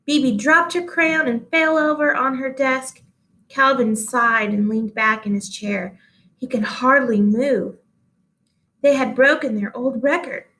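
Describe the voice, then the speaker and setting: Narrating a children's book at a measured pace, a woman with a fairly high voice reads expressively for young listeners.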